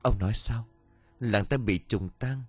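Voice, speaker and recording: A man voicing a calm old village wife. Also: fairly low pitch, measured pace, breathy edge, dry recording, faint music behind, pitched above the performer's own voice. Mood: reassuring. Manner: calm, reassuring.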